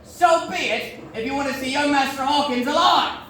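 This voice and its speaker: A cunning one-legged pirate, played by a man on stage, snaps and bellows in rough dockside dialect with a startlingly high voice. The sound comes from far off in a big echoey hall, with steady room noise underneath. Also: moderate pace. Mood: sly. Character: scheming one-legged male pirate cook. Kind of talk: live stage play.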